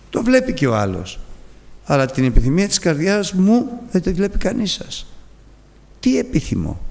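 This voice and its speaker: Gravelly, animated man preaching in a hall. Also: a little high. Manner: animated, pleading rhetorical questions. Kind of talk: sermon.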